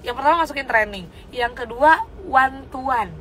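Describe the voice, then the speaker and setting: High, bright-voiced woman giving frank advice. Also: normal speed, a little hiss or hum, low-quality recording. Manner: frank, animated, asks listeners rhetorical questions. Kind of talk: casual coaching talk.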